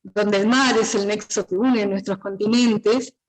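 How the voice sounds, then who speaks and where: A woman with a Rioplatense Spanish accent giving a thoughtful, earnest talk at a book presentation, often pausing on "eh" fillers. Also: mid-range voice, fairly even intonation, poor audio. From Río de la Plata region. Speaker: prologue writer speaking at a book presentation.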